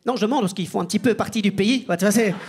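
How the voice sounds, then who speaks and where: A man's voice: high-pitched, racing. A man with a light, not very masculine voice, doing a chatty, self-mocking stand-up set and talking to the crowd. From Belgium. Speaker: stand-up comedian. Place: comedy club stage with live audience. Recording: live club recording with crowd noise. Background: audience laughter.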